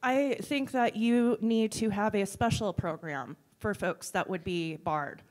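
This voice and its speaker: A woman's voice: mid-range voice, measured pace. A middle-aged woman speaking blunt and wry into a handheld mic on stage in a large hall, answering audience questions after a keynote. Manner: blunt, wry, animated, gestures while talking. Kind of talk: keynote Q&A, candid and conversational. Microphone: handheld microphone.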